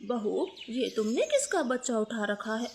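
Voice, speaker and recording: A woman's voice: fairly high pitch, huge pitch swings, unhurried, a little hiss or hum, full character voice. Woman putting on a harsh, taunting old sparrow mother-in-law. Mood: scolding.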